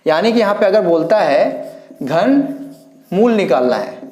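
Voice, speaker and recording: A man's voice: sits high, sing-song, unhurried, a little mellow. A man teaching a maths lesson, talking students through each step and counting aloud as he writes. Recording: roomy echo.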